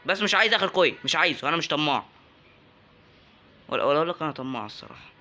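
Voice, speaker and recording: A young man with an Egyptian Arabic accent gives let's-play commentary in a bright, sharp, slightly high voice. He talks casually and jokes with his viewers. He breaks into excited yelps when enemies attack. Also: very fast. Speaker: gaming YouTuber.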